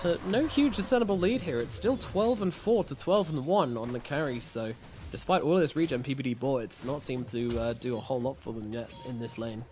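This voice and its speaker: A man casting an esports match, jokey and given to loud bursts of excitement. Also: mid-range voice, a little fast, faint music behind. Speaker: esports caster. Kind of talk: play-by-play commentary.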